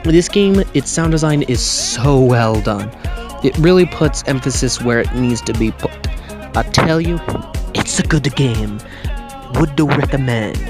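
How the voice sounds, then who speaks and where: A man's voice: mid-range voice, animated, unhurried, music in the background. A man giving a casual video game review, recorded under a blanket with pillows behind him, rambling and correcting himself with jokey asides. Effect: muffled, recorded under a blanket.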